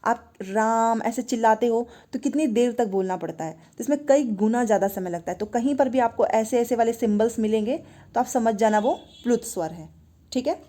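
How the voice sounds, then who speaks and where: A woman's voice: on the high side, normal speed, mellow. A woman teaching an online exam-prep grammar lesson, explaining step by step, asking and answering her own questions and having students repeat sounds aloud.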